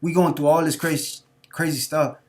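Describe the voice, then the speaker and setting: A man's voice: on the high side, steady tone, moderate pace, a little mellow, slight background noise. Guy on a live stream going off, preachy and repetitive, street talk, keeps hammering the point. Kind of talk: unscripted monologue.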